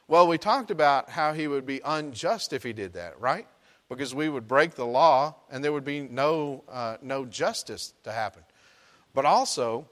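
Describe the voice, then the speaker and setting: A man preaching a conversational sermon. He keeps checking in with "right?" and slows down to stress his key points. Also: a little high, fairly bright tone. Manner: chatty, keeps asking "right?" to check in with listeners. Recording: long hall reverb.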